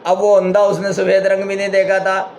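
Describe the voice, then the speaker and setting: A man's voice: high voice, completely flat delivery, moderate pace, slight background noise. A man giving a spiritual talk, telling a parable and explaining it with rhetorical questions. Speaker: spiritual speaker.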